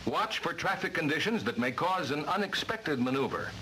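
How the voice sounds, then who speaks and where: A man's voice: fairly high pitch, lively intonation, normal speed, pushed and bright. An American man narrating a vintage 1950s-style instructional film from a script, with a formal, emphatic delivery. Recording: noisy vintage training film soundtrack.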